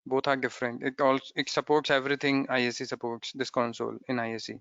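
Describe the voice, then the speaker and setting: A man's voice: medium pitch, level tone, fast, vocal fry, a bit bright, clear, resonant tone, no room sound, highs cut off. A man teaching a coding tutorial step by step, often checking in with "okay?", in non-native English phrasing. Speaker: programming instructor. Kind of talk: screen-recorded coding tutorial.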